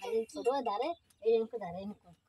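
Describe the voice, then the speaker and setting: A woman's voice: a little high, huge pitch swings, quick pace, a loud crowd. A woman with a Barishal accent, explaining things in a matter-of-fact way outdoors in a village. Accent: Barishal Bengali. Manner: explains matter-of-factly, in dialect.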